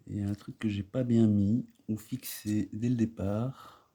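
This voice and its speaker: A man's voice: lowish voice, steady tone, a little slow, warm tone, slightly rough. A man chatting casually while building a Lego set, rambling and hesitant, full of fillers and self-mocking asides. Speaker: Lego builder and video host.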